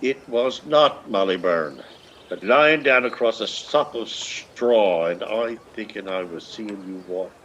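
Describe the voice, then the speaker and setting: In a radio play, an actor portrays a shabby old Irish beggar man who is lovestruck, pleading in long, rolling, poetic runs with a wistful, wooing mood. His lowish voice moves slowly with a fairly bright tone, in lyrical stage acting. The sound is lo-fi with slight background noise.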